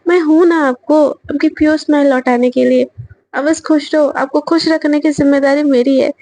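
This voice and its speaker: A woman voicing an adoring young woman junior in a storybook reading, sweet and flattering. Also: high voice, moderate pace. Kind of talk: storybook narration with voiced parts.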